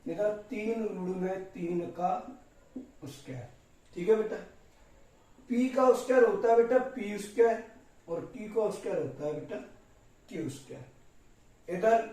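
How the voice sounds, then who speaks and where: A man's voice: high voice, mellow. A male math teacher who explains step by step and keeps addressing his students fondly. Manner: explains step by step, often calls students "beta". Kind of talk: classroom math lesson. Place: classroom with a board. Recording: very echoey room, voice from a distance.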